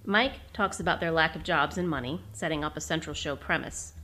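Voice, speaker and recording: A woman's voice: low-pitched, a little fast, bright, forceful tone, soft background music. A woman hosting a podcast, reading her own written episode recap with fond enthusiasm. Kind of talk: scripted reading.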